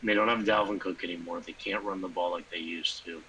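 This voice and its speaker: A man co-hosting a casual sports podcast, rambling with lots of fillers and sudden animated bursts. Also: deep voice, fairly quick, slight background noise, poor audio. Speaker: podcast co-host.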